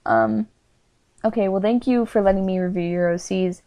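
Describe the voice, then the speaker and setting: A woman speaking softly in a casual review, warm and mellow in tone. She hesitates, fills gaps with ums and likes, and keeps apologizing. The sound is dry and close, with no room around it. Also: medium pitch, very animated, normal speed, no echo. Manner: hesitant and apologetic, many fillers; speaking quietly. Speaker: character reviewer.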